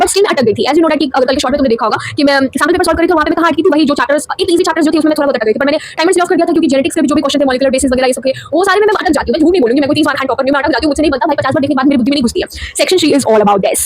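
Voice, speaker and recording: A teenage woman vlogging from India in casual chat, telling her story in an animated way and mixing in English words. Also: high-pitched, slight background noise. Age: teens. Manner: rapid, animated storytelling with frequent Hindi-English code-mixing.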